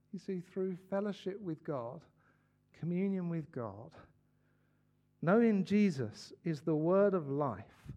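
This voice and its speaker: A man's voice: high-pitched, darkish tone. A man preaching a sermon in an earnest, conversational way, with small asides to the congregation.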